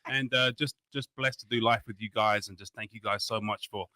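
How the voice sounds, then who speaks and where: A man's voice: on the low side, steady tone, a little fast, bright, forceful tone, no room sound. An Englishman around forty, a guest in a radio studio, telling his story in an upbeat, friendly way. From England. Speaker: guest, business owner. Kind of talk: casual radio interview.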